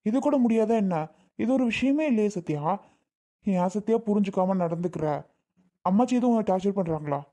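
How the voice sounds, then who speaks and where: A woman's voice: mid-range voice, lively intonation, brisk, warm tone, lightly acted. A woman voicing a young husband who lectures and reasons with his wife, repeating her name, in a family comedy skit. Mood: lecturing.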